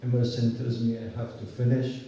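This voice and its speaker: An older man from Palestine, a university professor, giving an earnest, measured rally speech outdoors. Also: medium pitch, flat delivery, gravelly, very echoey, recorded from a distance, dull audio, noisy background. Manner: earnest, measured storytelling with restarts.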